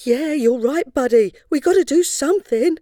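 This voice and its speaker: A woman's voice: sits high, normal speed, no echo, clean studio sound, pitched above the performer's own voice, close to an everyday voice. A woman doing a proud eager little girl. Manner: excited, proud.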